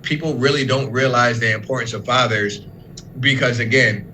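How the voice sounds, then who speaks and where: Earnest man with a bright voice. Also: mid-range voice, moderate pace, slight background noise, rough recording. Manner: earnest, speaks in long run-on explanations. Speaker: fatherhood program worker, guest. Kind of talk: casual interview talk.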